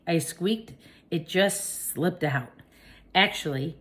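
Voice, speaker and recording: A woman narrating a children's audiobook in a gentle, wondering storytelling manner. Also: low-pitched.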